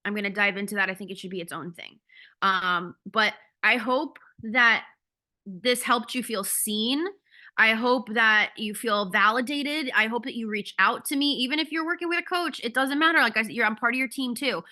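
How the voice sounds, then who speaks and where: A woman's voice: on the high side, moderate pace, pushed and bright. A woman coach giving a casual, candid talk on a video call, blunt and swearing freely. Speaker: ADHD coach.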